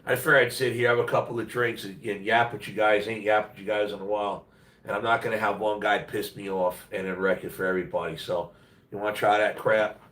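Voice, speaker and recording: Low, nasal man in an echoey room. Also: level tone, a little fast, fairly bright tone. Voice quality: nasal, congested voice. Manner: blunt, slangy, plain-spoken. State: under the weather, voice worn out. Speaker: live stream host. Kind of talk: casual rambling livestream chat. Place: at home, roomy-sounding indoor space. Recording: echoey room, distant mic.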